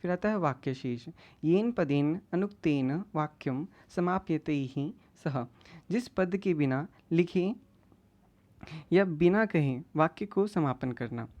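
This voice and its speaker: Low-voiced woman lecturing on exam terms. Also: animated, slow, warm tone. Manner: explains Sanskrit terms, then restates each in plain terms. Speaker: teacher. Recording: dull lo-fi audio.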